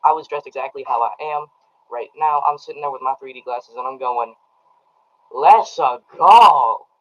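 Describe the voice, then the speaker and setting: A man's voice: medium pitch, steady tone, quick pace, fairly bright tone. Rambling man streaming a movie review. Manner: rambling, many ums and restarts; talks straight to his live chat. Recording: dull lo-fi audio.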